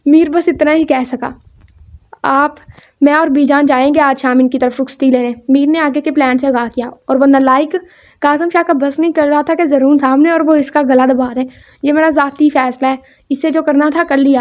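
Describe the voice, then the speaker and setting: High-voiced woman reading a novel. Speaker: audiobook narrator. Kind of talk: reading a romance novel aloud. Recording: dull lo-fi recording.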